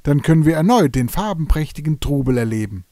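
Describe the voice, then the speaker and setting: A man voicing a gentle, ceremonious male carnival jester who welcomes a newcomer in a storybook tale. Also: a little high, expressive, brisk, no echo, clean studio sound, pitched above the performer's own voice. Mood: kindly. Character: warm, kindly male carnival jester spirit.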